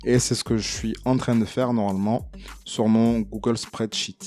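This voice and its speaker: A man walking viewers through a casual screen-recording tutorial, chatty and relaxed with plenty of fillers and some self-deprecating humor. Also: on the low side, normal speed, soft background music. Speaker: tutorial creator.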